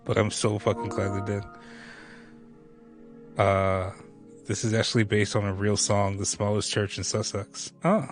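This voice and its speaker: Low-voiced man, casual sweary game streamer. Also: steady tone, a little slow, long pauses. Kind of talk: casual livestream chat, heavy swearing. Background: music.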